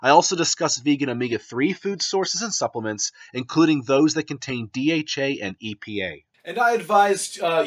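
A man's voice: medium pitch, a bit bright, breathy edge. A young man on his fitness vlog, reading a scripted commentary with emphatic, blunt asides, filmed on a webcam in a home kitchen. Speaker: vegan fitness vlogger.

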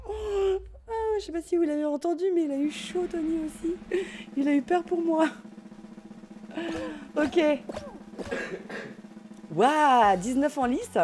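A young woman streaming a party game, commenting in an excitable, laughing, self-mocking way. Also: high-pitched, measured pace, long pauses. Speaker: gaming streamer. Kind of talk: live let's play commentary. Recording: faint game music behind.

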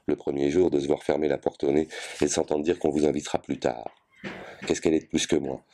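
A man voicing an overwrought, bitter colonial wife who rants volubly without pausing for breath. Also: extremely low pitch, mellow. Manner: voluble, ranting without pause.

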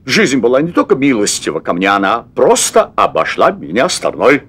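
A man's voice: mid-range voice, wildly swooping pitch, normal speed, a bit bright, slight background noise. An actor in his fifties playing a nervous middle-aged restaurant owner who confesses at length, hesitating and repeating words, in a stage play recorded for television. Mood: confessional. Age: 50s. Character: anxious middle-aged man, restaurant owner craving adventure. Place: theatre stage set as hotel room.

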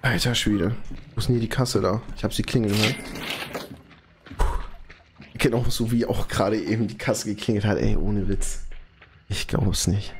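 A young man streaming from home, overjoyed and slangy, his voice trembling with excitement. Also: lowish voice, normal speed, long pauses, background noise. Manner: overjoyed, slangy, constant exclamations. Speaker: live streamer. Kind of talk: excited live stream reaction. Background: music.

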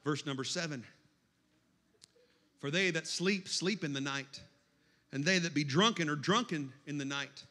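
A man preaching a sermon in a church, moving between hushed scripture reading and shouted exhortation. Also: on the high side, measured pace, long pauses.

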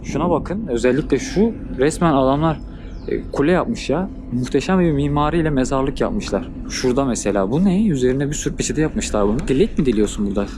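Fast-talking man vlogging over ambient noise. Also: mid-range voice, expressive. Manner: curious, exclamatory, asks many questions. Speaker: travel vlogger. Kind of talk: casual walking tour commentary. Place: walking through a cemetery outdoors. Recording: clear outdoor ambient noise.

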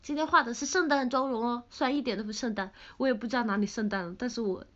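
A woman's voice: on the high side, quick pace, a bit bright. Young woman, Sichuan-accented Mandarin, idol livestreamer, chatty and teasing, slightly muffled phone audio. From Sichuan, China. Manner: playful, pouty, chatty, laughs often. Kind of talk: casual livestream chat reading comments. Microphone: phone camera.

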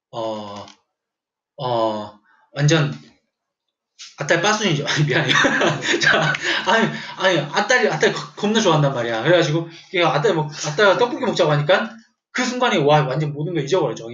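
A man whose voice is on the high side and fairly bright teaches English vocabulary in a classroom lecture. The recording has an echoey, dull lo-fi sound, and he mixes a joking story with quizzing his students.

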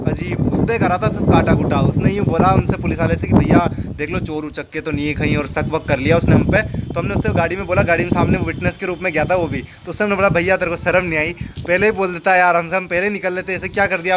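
A young man with a high-pitched voice and a Rajasthani Hindi accent tells a personal story in a chatty vlogger style, repeating phrases and acting out the people he quotes. Heavy background noise runs under the recording.

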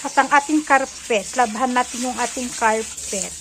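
A woman's voice: fairly high pitch, normal speed. A woman chatting casually in a home vlog, narrating outdoors in her garden while recording on a phone. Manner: chatty, mixing Tagalog and English. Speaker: vlogger. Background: faint outdoor ambience and tractor noise.

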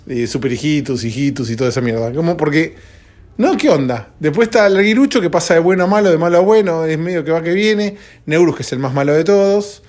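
A sleepy man with a Rioplatense Spanish accent, rambling conversationally as a podcast host, recorded at home at dawn. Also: medium pitch. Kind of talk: solo podcast chat.

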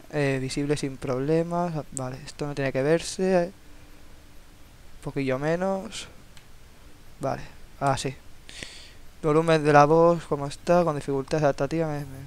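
Eager young Spanish gamer, smooth voice. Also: male voice, on the high side. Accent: Spanish from Spain. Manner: eager and excitable, swearing when frustrated. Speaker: gameplay video host. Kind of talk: casual gaming commentary.

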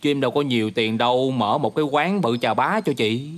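An actor playing a caring, practical younger brother who speaks earnestly, with a Southern Vietnamese accent. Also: male voice, medium pitch, fairly quick, natural voice. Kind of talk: TV drama acting.

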